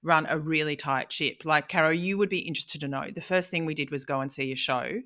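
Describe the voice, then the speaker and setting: A woman's voice: sits low, brisk, bright, forceful tone. An Australian woman co-hosting a comedy podcast, chatty, enthusiastic and teasing. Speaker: podcast co-host. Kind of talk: casual comedic chat.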